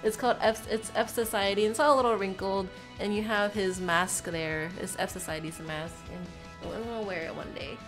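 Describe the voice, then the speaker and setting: In this casual unboxing chat, a sick young vlogger with a congested, nasal voice unpacks a bag in a small room, rambling and filler-heavy. She speaks at a mid-range pitch and normal speed with a steady tone and hardly any pauses, over music.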